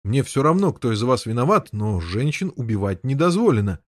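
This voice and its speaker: A man doing a stern, calm noble knight. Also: medium pitch, a little fast, no room sound, studio quality.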